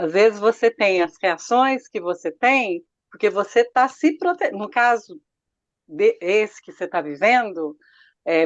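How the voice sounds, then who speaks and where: A woman adding her thoughts in a church study group, hesitant and filling pauses often. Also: mid-range voice, no echo, muffled recording. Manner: hesitant, repeats fillers like "então". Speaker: Bible study participant. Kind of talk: casual group discussion.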